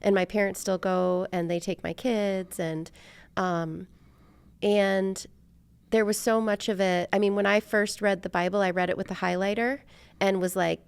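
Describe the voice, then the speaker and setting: The podcast host, a middle-aged American woman, talks at a normal pace in a steady, mid-range voice that is both gravelly and smooth. Her conversational interview feels informal, chatty and reflective.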